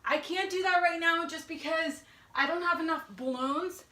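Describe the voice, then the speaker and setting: A woman's voice: very high-pitched, normal speed, bright, forceful tone. Bubbly woman vlogging in an echoey room. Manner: bubbly, chatty, with fillers. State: out of breath. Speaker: YouTube vlogger. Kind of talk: casual chat to camera. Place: home, indoors.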